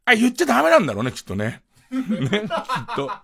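A man hosting a late-night radio show in a casual solo monologue, animated, acting out quoted lines and laughing. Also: high voice, fast talker, gravelly, crowd noise. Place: radio studio.

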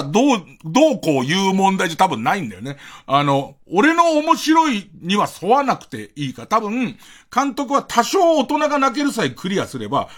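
A man talking through a late-night radio monologue, chatty and rambling, with lots of hesitant fillers. His voice sits high and moves around a lot as he tells his stories. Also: a bit bright. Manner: rambling storytelling full of fillers; casual, chatty. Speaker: radio host.

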